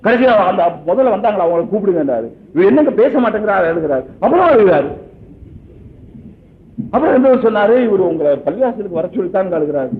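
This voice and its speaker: A man's voice: high voice, sing-song, quick pace. A man giving a religious talk in a conversational storytelling way, asking his listeners questions and answering them himself. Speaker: preacher. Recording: echoey, tinny phone-like sound.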